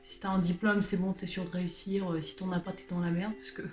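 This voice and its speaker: A woman's voice: fairly low pitch, flat delivery, fast. A woman in her late twenties, born in Switzerland to a Portuguese family, talking casually to camera as a vlogger, colloquial and self-mocking, rambling with sighs and small laughs. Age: late 20s. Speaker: vlogger, channel host. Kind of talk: casual confessional chat to camera. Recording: roomy echo with music underneath.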